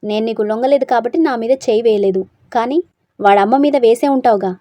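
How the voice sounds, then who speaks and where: Narrator does an angry young wife in a storybook, fierce and accusing, highish voice, dry close sound. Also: female voice, fast talker, dark tone, dry recording, close to an everyday voice. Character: angry young wife defending a little boy.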